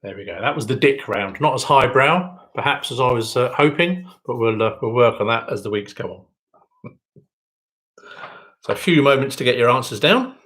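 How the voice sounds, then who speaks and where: A man's voice: medium pitch, animated, a bit bright, poor audio. Quiz host, male, dry wit, sing-song delivery that rises on each question. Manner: repeats each question slowly, dry joking asides. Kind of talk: reading out quiz questions and answers.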